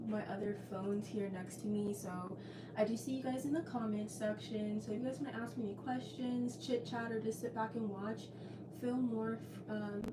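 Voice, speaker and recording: A woman chatting casually as a nail technician giving a live tutorial. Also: on the high side. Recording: clearly noisy background.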